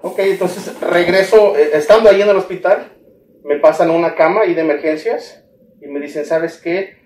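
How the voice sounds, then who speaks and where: In an interview, a man with a Mexican accent recounts his own experiences at a normal speed, vividly acting out the voices of the people he dealt with. His voice is slightly high for a man. He's far from the mic in a roomy, echoey space, with faint ambience in the background.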